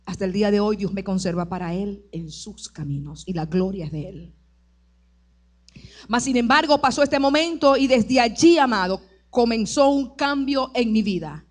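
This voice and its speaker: A woman pastor preaching her testimony at a church service, passionate, moving between loud declarations and soft, tearful recollection. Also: a little high. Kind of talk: sermon testimony.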